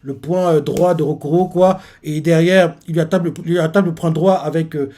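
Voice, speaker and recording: A man hosting a live reaction stream, recapping a manga chapter panel by panel. He rambles and leans on fillers as he goes, in a voice that sits a little high for a man. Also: fairly even intonation, brisk, mellow. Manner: rambling, filler-heavy retelling.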